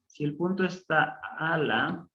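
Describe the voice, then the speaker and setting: Man teacher with a slightly high, bright voice, patient and unhurried, on a muffled online class recording. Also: a little hiss or hum. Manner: slow, patient explaining with frequent fillers. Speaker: Biblical Hebrew teacher.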